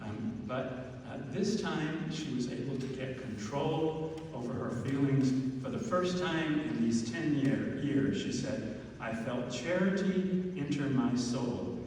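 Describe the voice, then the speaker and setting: A man delivers a homily from the pulpit at a slow, halting pace, pausing often as he searches for words. His voice sits at a middle male pitch. It rings with long church reverb and is picked up from a distance. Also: a little mellow. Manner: halting, hesitant delivery with frequent pauses. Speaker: preacher giving a homily. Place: large reverberant church, speaking to a congregation. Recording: echoey church hall, distant mic, faint noise.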